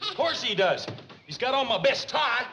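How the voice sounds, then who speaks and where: A grumbling, dim young Southern hillbilly, strikingly high in pitch. The old sitcom sound is dull and noisy. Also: male voice, sing-song, moderate pace. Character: big dim young hillbilly nephew, complaining. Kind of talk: 1960s television sitcom acting.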